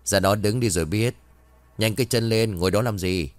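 Sly older exorcist, read by a man, calm, commanding, low voice. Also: brisk, no echo, close to an everyday voice.

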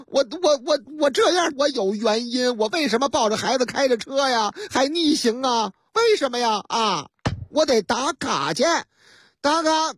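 A woman puts on a flustered young man caught by traffic police, stammering and protesting in a lively, up-and-down voice. The tone is a little husky and close, with a dry sound. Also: high-pitched, moderate pace, dry recording. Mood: pleading. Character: flustered young male driver, pleading and stubborn.

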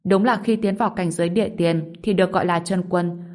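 A man's voice: high voice, fairly even intonation, quick pace, darkish tone, lightly acted. A woman reading the lines of a confident, blunt young male cultivator in an audiobook. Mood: matter-of-fact. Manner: blunt, matter-of-fact.

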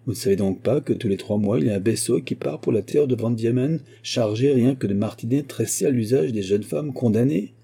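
A man's voice: medium pitch, brisk, vocal fry, few pauses, warm tone, slightly rough. A man reading aloud and voicing a shrewd, stern male police agent with a sardonic, intimidating manner. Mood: stern, mocking.

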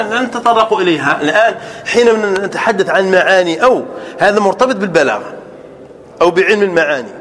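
A man with a notably high voice leads a classroom grammar lesson as a sheikh. He works patiently through examples, saying them slowly word by word. He keeps asking his students whether they follow. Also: a bit bright, long reverb tail. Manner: checks on students with frequent rhetorical questions; repeats example sentences slowly and breaks them into words. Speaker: sheikh teaching Arabic grammar.

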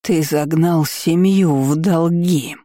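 A woman voicing a furious, scheming middle-aged baroness who talks in a slow, shrill and cutting way. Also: fairly even intonation, dark tone, no echo, studio quality.

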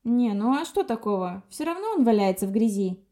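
Brief: a woman playing a cheeky young witch, high and chirpy, flippant, dark-toned. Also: big pitch swings, brisk. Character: cheeky young witch girl, potion maker, carefree.

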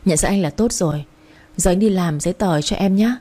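Woman reading as a kind young man, storybook romance, gentle, caring, mellow tone. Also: on the low side, fairly quick, close to an everyday voice. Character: kind young man who rescues heroine.

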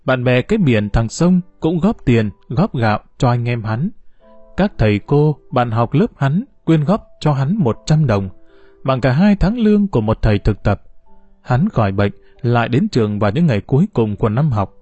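A man narrating a novel for an audiobook in a calm, measured storytelling voice. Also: medium pitch, dry recording, soft background music. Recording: dull, slightly muffled recording.

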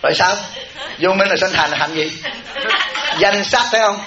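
A man's voice: high-pitched, normal speed, over a noisy crowd. A man, a Buddhist monk, giving a humorous dharma talk, folksy and teasing, repeating words for comic effect. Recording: echoey, dull room recording with audience. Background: audience laughter.

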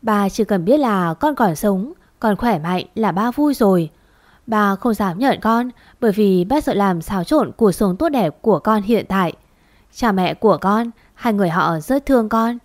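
A woman's voice: medium pitch, lively intonation, dry recording, close to an everyday voice. A woman voicing a grieving old father. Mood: tearful. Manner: slow, choked, pleading. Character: aging grieving father, gentle and humble.

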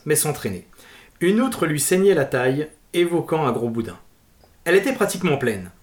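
A man reading literary prose aloud as a narrator. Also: fairly high pitch. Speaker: co-host reading a novel excerpt.

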